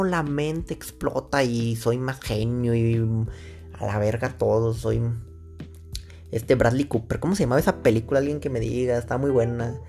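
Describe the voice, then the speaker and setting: A man with a Mexican Spanish accent hosts his own casual solo podcast, speaking into his microphone in a mid-range, slightly mellow voice. He rambles in slangy language, thinking aloud and drifting off topic.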